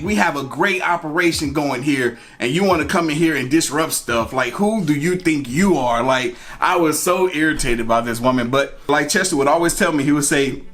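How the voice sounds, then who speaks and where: A storytime vlogger tells a personal story in a casual, conversational way, repeating phrases for emphasis as music plays. His voice is a little high and somewhat bright.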